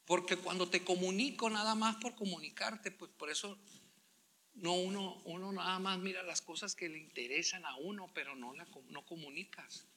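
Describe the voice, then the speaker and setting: A male pastor preaching a sermon, stressing words slowly and acting out quotes. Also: sits high, steady tone, bright, forceful tone, big-room sound. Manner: preaching with slow emphatic stresses and acted-out quotes.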